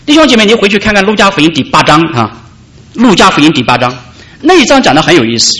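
Animated preaching man, sweeping pitch. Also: fast. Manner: preaching with dramatic rises and soft drops. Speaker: pastor. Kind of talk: sermon.

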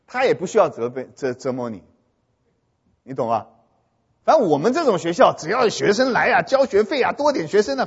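A high, lively male voice that swoops around, slightly husky, telling a humorous story to an audience and pausing to ask whether they follow. It reaches the listener through a dull, lo-fi recording with long hall reverb. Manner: animated, keeps checking if listeners understand. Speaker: speaker addressing an audience.

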